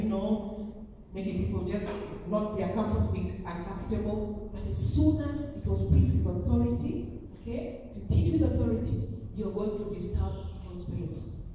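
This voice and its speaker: A woman pastor preaching a sermon emphatically, acting out quoted voices with big jumps in pitch. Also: warm tone, slight background noise. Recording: echoey hall from far off.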